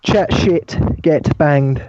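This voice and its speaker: A man's voice: a little high, very slow, dull audio, noisy background. A British man speaking as a team boss guest, blunt and swearing freely. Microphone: online call mic.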